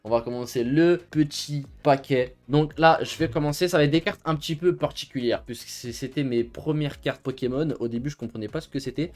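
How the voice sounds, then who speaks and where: A man's voice: fairly high pitch, a little fast, few pauses, a little mellow. A young man hosting a casual show-and-tell video, chatty and enthusiastic with lots of slang. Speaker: YouTuber. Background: faint background music.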